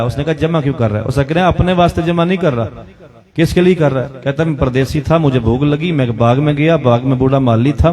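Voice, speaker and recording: A man's voice: a little high, a little mellow. A man with a Punjabi accent reciting a Shia majlis sermon, telling a story in mixed Urdu and Punjabi and calling out to the crowd. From Pakistan. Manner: mixes Urdu and Punjabi, dramatic storytelling with chanted calls to the crowd.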